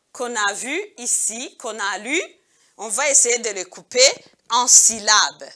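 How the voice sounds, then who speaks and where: Female kindergarten teacher, very slow and patient, bright tone, repeats each word twice for small children. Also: on the high side. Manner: addresses pupils as "mes amis". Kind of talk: recorded video lesson for young children.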